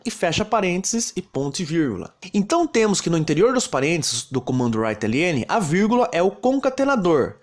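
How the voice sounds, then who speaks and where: Brazilian male teacher, slightly high voice, lively delivery, methodical step-by-step lesson narration. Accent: Brazilian Portuguese. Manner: steady, explains step by step. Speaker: programming teacher.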